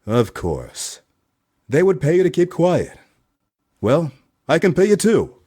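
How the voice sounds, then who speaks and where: A man takes on the role of a wordy, dogged private eye in a comedic noir radio play, delivering hardboiled first-person narration and probing questions with theatrical flair. His voice is a little high, mellow and husky, with wildly swooping pitch. He takes it slowly in a heavily acted performance.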